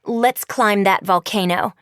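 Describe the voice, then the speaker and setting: A woman's voice: medium pitch, unhurried, clear, resonant tone, no echo, studio quality, close to an everyday voice. A woman voicing a serious teenage girl, daughter of an evil queen, speaking steadily and matter-of-factly.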